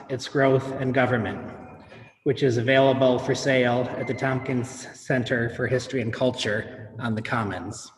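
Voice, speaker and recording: A man delivering a prepared, explanatory speech on local history as an event speaker. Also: mid-range voice. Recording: echoey, reverberant sound with faint background noise.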